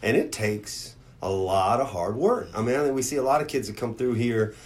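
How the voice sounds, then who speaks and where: A man's voice: mid-range voice, big pitch swings, normal speed, a little hiss or hum. A man hosting a podcast interview in a studio, talking casually with many fillers and restarts. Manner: rambling, lots of fillers and restarts. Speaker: podcast host. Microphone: studio microphone.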